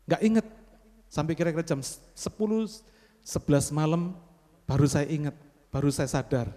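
Brief: male preacher, higher-pitched voice, dramatic storyteller, long hall reverb. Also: animated, normal speed. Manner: dramatic storytelling with sudden loud exclamations; repeatedly addresses the congregation. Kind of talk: sermon.

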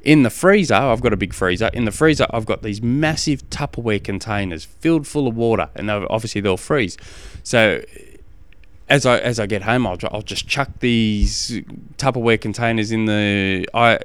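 An Australian-accented podcast host gives casual coaching advice in a lowish, smooth voice, halting and often repeating phrases as he explains. There's no echo.

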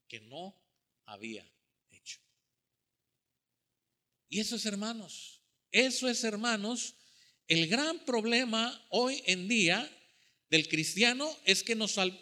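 A pastor with a high, pushed, bright voice preaches a sermon to his congregation, addressing them as brothers. He tells a story and acts out the voices of the people in it.

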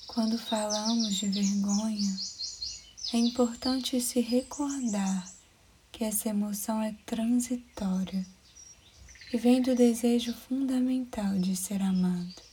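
A Brazilian woman narrates a guided meditation slowly, her fairly high voice warm in tone. The recording is clear, with background noise of chirping birds and an outdoor-like ambience.

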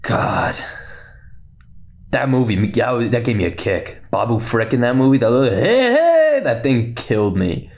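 A young man hosting a casual solo podcast, rambling quickly and laughing often. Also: mid-range voice, creaky, darkish tone. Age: young adult. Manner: rambling and fast-talking, with frequent laughs. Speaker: podcast host.

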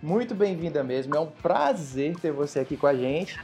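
Homem brasileiro apresentando podcast animado. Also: male voice, fairly high pitch, lively intonation, moderate pace, over music. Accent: Brazilian. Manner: upbeat and welcoming. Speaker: podcast host. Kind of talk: casual podcast chat, interviewing.

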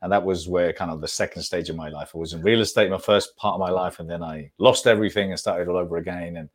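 A man being interviewed as a guest, speaking haltingly with many restarts. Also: low-pitched, fairly even intonation. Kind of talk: interview answers.

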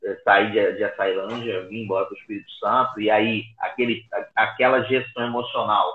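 A man telling his story as an interview guest, heard over an internet call line, halting and often repeating words. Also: lowish voice, little pitch movement. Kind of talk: casual personal story. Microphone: remote call device. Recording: tinny echoey call audio.

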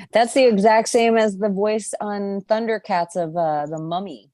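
Podcast guest, woman, mid pitch, dry close sound, giggly. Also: steady tone, measured pace, dark tone, dry recording. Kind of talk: casual chat.

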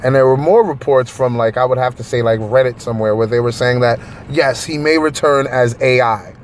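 A man co-hosting a podcast in casual chat, animated and profane, rambling with frequent laughs. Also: mid-range voice, brisk, a little hiss or hum. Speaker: podcast co-host.

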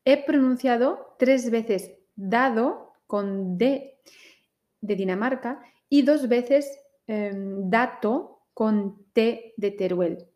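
A woman teaching pronunciation, saying each word slowly and carefully in a listening drill. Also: fairly high pitch, darkish tone. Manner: very slow, carefully articulated minimal pairs.

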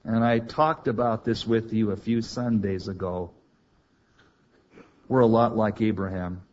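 A male preacher with a husky, breathy voice delivers an expository sermon slowly and deliberately. He acts out scripture dramatically and puts questions to his listeners. The recording is muffled and lo-fi. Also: lowish voice, steady tone, darkish tone.

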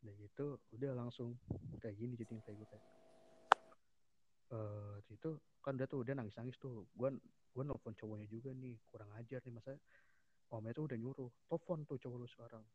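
A man's voice: mid-range voice, steady tone, brisk, pauses often, a little hiss or hum. A man telling a personal story in casual podcast chat, slangy, with many restarts and quoted lines. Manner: slangy Jakarta street talk, many restarts. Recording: dull lo-fi sound.

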